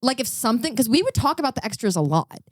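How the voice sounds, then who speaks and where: A woman's voice: on the high side, big pitch swings, quick pace. A woman co-hosting a casual podcast, playfully teasing the guest and speaking to the audio listeners. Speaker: podcast co-host. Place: podcast studio.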